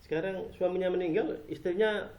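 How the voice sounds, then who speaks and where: A man from Java, Indonesia, who speaks on Islam and culture gives an informal explanatory talk, posing rhetorical questions and answering them himself. His voice is high and darkish in tone, with fairly even intonation and a brisk pace.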